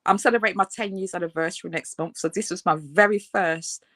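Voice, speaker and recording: A fast-talking English fashion designer in her thirties, with a Birmingham accent and a lowish, fairly bright voice, laughs often as a guest in a casual interview. Her speech is full of ums and restarts, captured in a dry, clean studio recording.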